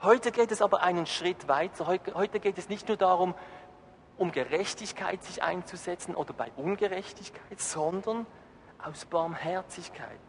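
A man's voice: high voice, normal speed. A man preaching a sermon, emphatic, putting questions to the congregation. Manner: emphatic, rising and falling. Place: church hall. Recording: reverberant hall, faint noise.

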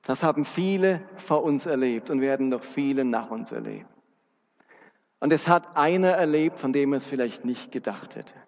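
A man's voice: mid-range voice, animated, moderate pace, darkish tone. A man preaching a sermon, earnest and speaking directly to his congregation. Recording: dull recording with long hall reverb.

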